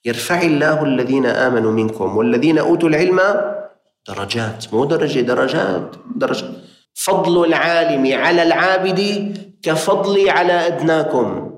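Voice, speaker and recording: Impassioned Levantine preacher, echoey room. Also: male voice, fairly high pitch, expressive, fairly quick. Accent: Levantine Arabic. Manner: impassioned, appealing directly to listeners. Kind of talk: sermon.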